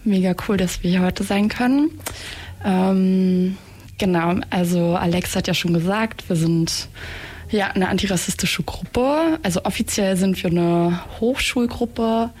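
A woman's voice: mid-range voice, a little slow, a little mellow. A young adult woman speaking casually as a student activist guest in a radio interview.

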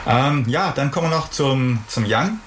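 A man hosting a radio studio interview, chatty and relaxed as he introduces guests and asks loose, rambling questions. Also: mid-range voice, moderate pace, a little hiss or hum. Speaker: radio host.

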